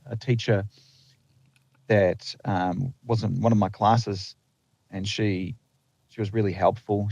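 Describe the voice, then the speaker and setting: Guesting on a podcast, a lineman born in the Netherlands talks in a lowish, darkish voice with vocal fry and a slight New Zealand accent. The casual interview chat rambles, full of fillers and restarts, and the recording is slightly lo-fi.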